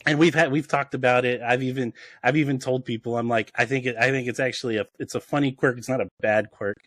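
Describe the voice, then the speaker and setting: A man's voice: medium pitch, fairly even intonation, fast, a bit bright, dry recording. Man telling rambling stories, laughing. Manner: rambling, restarts a lot, laughs at his own stories. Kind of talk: casual chat, storytelling.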